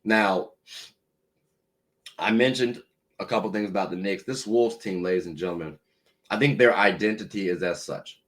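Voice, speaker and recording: A man's voice: deep voice, normal speed, pauses often. A man hosting a podcast, giving casual, opinionated sports talk straight to his listeners. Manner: conversational, opinionated, addresses listeners as ladies and gentlemen. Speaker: podcast host. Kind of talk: solo sports talk commentary.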